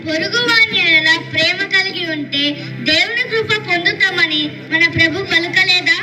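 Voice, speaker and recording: A woman's voice: very high-pitched, normal speed, pushed and bright, exaggerated voice. A woman playing an earnest disciple. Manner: earnest, scolding. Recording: distant mic, music behind.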